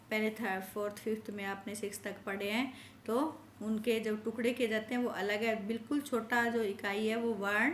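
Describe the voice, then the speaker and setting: A woman's voice: medium pitch, a little hiss or hum. A woman teacher giving a grammar lesson to schoolchildren, explaining patiently and drawing out sounds to show how they are said. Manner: explains patiently, repeats and stretches sounds to demonstrate. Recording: echoey room with faint ambience.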